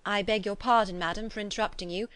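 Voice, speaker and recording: A woman's voice: medium pitch, fairly even intonation, fast, a bit bright, dry recording, lightly acted. A woman voicing a flustered, deferential housekeeper who speaks in an apologetic, eager way.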